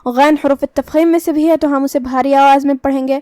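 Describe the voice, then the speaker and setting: A woman teaching Quran recitation, calmly explaining each letter and its rule, then reciting slowly. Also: high-pitched, dry recording. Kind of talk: tajweed lesson with slow recitation.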